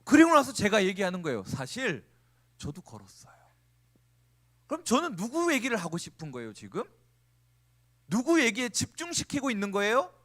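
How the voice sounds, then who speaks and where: A man preaching a sermon as a youth group pastor, animated and playful, acting out the voices of the people he quotes. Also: sits high, fairly quick. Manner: animated, acts out quoted speech, playful asides.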